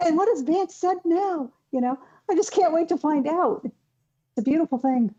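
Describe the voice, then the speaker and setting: A woman's voice: high-pitched, expressive, normal speed, mellow, lo-fi sound. A woman in her thirties co-hosting a livestream, chatting in a wry, reflective way. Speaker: co-host of a livestream. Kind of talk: casual chat.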